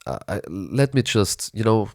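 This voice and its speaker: A man with a raspy, hoarse voice from a cold, rambling enthusiastically through a casual film review with hesitant restarts. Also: fairly low pitch, sing-song, unhurried, a little mellow, no echo, clean studio sound. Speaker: movie review vlogger.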